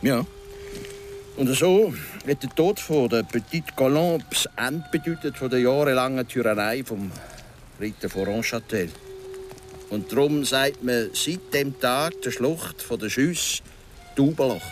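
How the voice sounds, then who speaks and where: In a Swiss German radio drama, a male actor with a natural, mid-range voice plays a philosophising local guide and storyteller recounting a folk legend. He speaks deliberately and dramatically in a grave mood, with faint music behind him.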